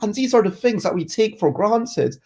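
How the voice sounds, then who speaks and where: Expressive and darkish in tone, this medium-pitched voice moves at a normal speed. It belongs to a streamer with a blocked-up cold who hosts a chat show, reading out comments from viewers and musing casually. The delivery is laid-back, wandering, and full of self-interruptions.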